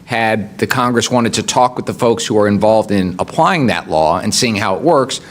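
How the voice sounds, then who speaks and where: A witness giving formal testimony in a measured, firm way. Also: medium pitch. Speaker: witness at a hearing.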